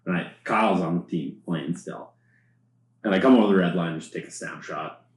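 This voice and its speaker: Deep-voiced man, animated storyteller. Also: normal speed. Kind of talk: casual chat. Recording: echoey room with faint hum.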